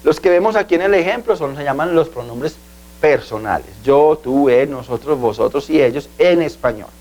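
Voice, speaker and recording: Male tutor, slightly raised pitch, patient and repetitive classroom delivery. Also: lively intonation, normal speed, darkish tone. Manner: patient, repeats key words and asks "¿sí?". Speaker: language teacher. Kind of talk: video language lesson.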